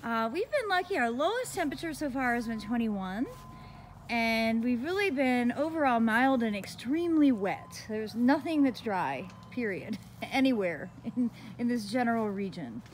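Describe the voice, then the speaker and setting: A woman's voice: a little high, lively intonation, normal speed, a little hiss or hum. A woman chatting casually and laughing easily as she walks through her outdoor garden, filming on a phone. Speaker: gardening vlogger.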